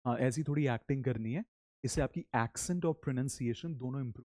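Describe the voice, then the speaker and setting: A man teaching English in Hindi, leading slow, animated repeat-after-me drills. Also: mid-range voice, dry recording, studio quality. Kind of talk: spoken English lesson in Hindi.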